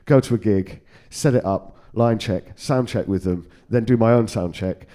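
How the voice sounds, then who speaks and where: A man's voice: lowish voice, normal speed, warm tone. A man in his forties, a guitar tech telling road stories in casual chat, swearing freely and laughing often. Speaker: podcast guest, guitar tech.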